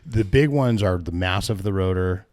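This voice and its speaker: A man with a low voice talks loosely and at length, backtracking and fixing his own numbers as he goes. He chuckles at his own stories in a relaxed, unscripted chat. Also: moderate pace. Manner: rambling, self-correcting, laughs at own stories. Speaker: podcast co-host, bike shop staff. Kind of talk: casual chat.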